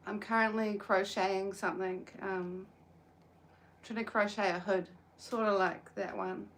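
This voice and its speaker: On a casual crochet livestream filmed outdoors in the sun, a young woman with a New Zealand accent speaks softly and hesitantly, often saying "um." Her voice is medium in pitch, with little pitch movement and a measured pace.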